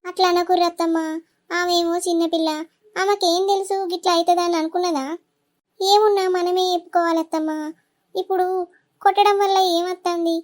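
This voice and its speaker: A woman voicing a gentle young village wife in a cartoon, pleading for calm with a Telangana Telugu accent. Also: extremely high pitch, fairly quick, long pauses. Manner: soothing, pleading.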